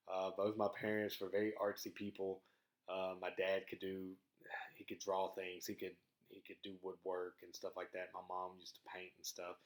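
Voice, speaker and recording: Young southern guy doing his podcast at home, lowish voice, chill slangy rambling, just chatting. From Mississippi, southern US. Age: young adult. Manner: laid-back, slangy, chuckles at himself. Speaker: podcast host. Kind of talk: casual rambling vlog chat. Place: small home studio. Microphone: dedicated podcast microphone.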